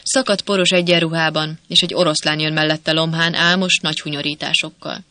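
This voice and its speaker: An audiobook narrator reading a novel in a steady, measured storytelling manner. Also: medium pitch, no room sound. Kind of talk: scripted narration.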